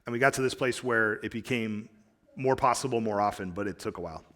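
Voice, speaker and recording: A man's voice: fairly low pitch, quick pace, fairly bright tone. A man on a church marriage panel, speaking candidly and reflectively about his own marriage. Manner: reflective, with fillers and restarts. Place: church conference stage.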